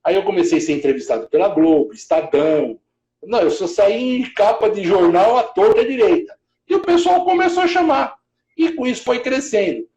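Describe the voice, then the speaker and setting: A man's voice: high voice, expressive, brisk, warm tone, reverberant, rough recording. A middle-aged man, a building manager, telling his career story in a casual interview, rambling with many restarts. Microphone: video call.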